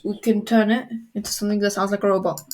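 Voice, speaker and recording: A woman acting as a coding tutor walks through a software tool step by step in a screen-recorded tutorial. Her voice is mid-range, her delivery flat, and she moves at a quick pace.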